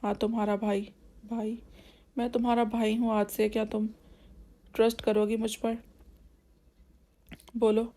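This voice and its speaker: A woman reading the part of a kind, protective young man who reassures gently. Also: fairly high pitch, completely flat delivery, pauses often, natural voice. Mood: reassuring.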